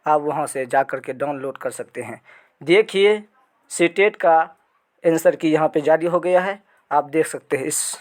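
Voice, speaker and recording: A male channel host giving a casual screen walkthrough, repeating and restarting his phrases as he goes. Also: on the high side.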